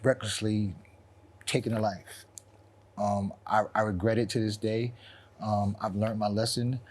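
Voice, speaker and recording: Low-pitched man in his forties from New York, measured and candid interview guest. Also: fairly even intonation. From South Jamaica, Queens, New York. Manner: reflective, soft-spoken, frequent ums and repeats.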